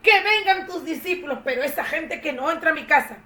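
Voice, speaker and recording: A woman voicing a short, excited man who shouts in a shrill voice, in a storybook tale. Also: brisk, roomy sound. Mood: selfish.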